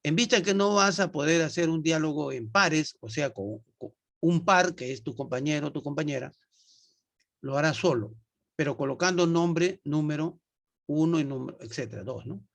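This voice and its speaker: A man's voice: a little high, normal speed, vocal fry, a bit bright. A man teaching English to nursing students in an online class, patient and repetitive, often checking that everyone follows. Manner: patient, repeats himself, checks understanding with tag questions.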